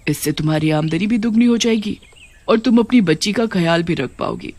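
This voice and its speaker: A woman's voice: mid-range voice, fairly quick, darkish tone, close to an everyday voice. A woman voicing a regal, kindly witch queen in a cartoon, speaking in a grand, commanding way.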